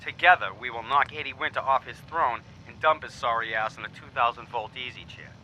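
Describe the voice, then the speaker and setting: Tough police captain briefing, really sharp forceful voice, punchy and commanding, video game tape with rumbly noise. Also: male voice, brisk, rough recording. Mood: commanding, resolute. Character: brisk, tough male police captain rallying his task force.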